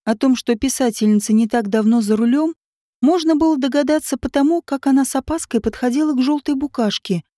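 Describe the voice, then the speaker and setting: A woman reading a novel aloud as an audiobook narrator in a steady storytelling manner. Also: high-pitched, a little fast, no room sound, studio quality. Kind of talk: scripted narration.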